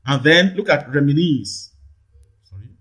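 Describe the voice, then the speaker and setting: A man with a Nigerian English accent teaching an exam-prep lesson, slowly repeating words and checking in with "okay" and "all right". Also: a little high, sing-song, a bit bright, husky. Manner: slow, drawn-out repetition of words, frequent "okay" checks. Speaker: English tutor.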